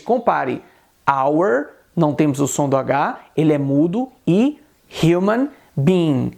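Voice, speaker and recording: A man with a Brazilian Portuguese accent giving a video lesson on English, patient and repetitive, saying English example words slowly and carefully. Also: high-pitched, darkish tone. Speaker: English teacher.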